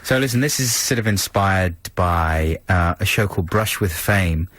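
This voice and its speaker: A man's voice: deep voice, lively intonation, normal speed, fairly bright tone, no room sound. A man in his thirties co-hosting a radio show, bantering sardonically in a studio. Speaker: radio co-host. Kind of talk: casual chat on a radio show. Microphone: studio microphone.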